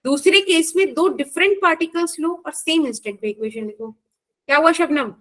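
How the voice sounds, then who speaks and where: A woman's voice: high voice, a little fast, sharp tone. An Indian woman teaching a physics class, explaining patiently and checking in with students by name. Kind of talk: live online class.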